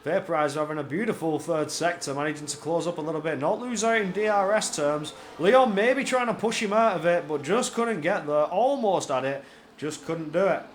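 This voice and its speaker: High-voiced male esports race caller, excitable play-by-play, repeats himself for emphasis, light background noise. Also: a little fast. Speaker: esports motor racing commentator. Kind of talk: live play-by-play racing commentary.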